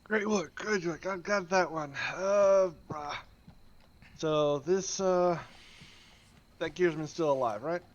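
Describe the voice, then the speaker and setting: A man's voice: high-pitched, slow pace. A man chatting casually as a player in a tabletop game. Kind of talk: casual chat. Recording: dull sound, faint noise.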